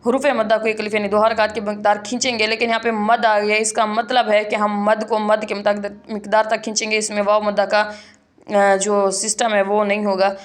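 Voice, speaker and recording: A woman with a mid-range voice teaches Quran reading online. She first goes over the rules and afterward slowly sounds out individual letters and elongated syllables.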